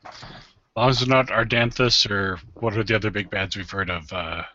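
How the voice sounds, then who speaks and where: Bright-voiced, tentative man at game night. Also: lowish voice, normal speed, dry recording. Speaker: tabletop game player. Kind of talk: casual chat. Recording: dull lo-fi audio.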